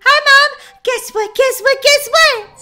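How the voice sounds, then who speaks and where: A woman's voice: extremely high pitch, very animated, moderate pace, sharp tone, soft background music, heavily acted. A woman voicing a cheerful, studious young girl in a game role-play story. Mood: excited. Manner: bubbly, eager.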